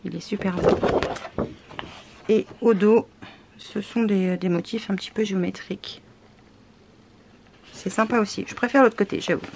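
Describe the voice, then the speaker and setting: A woman's voice: mid-range voice, measured pace, gravelly, pauses often, darkish tone. A woman from France chatting casually as she shows craft papers, hesitant with many fillers. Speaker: scrapbooking vlogger. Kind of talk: casual product unboxing chat.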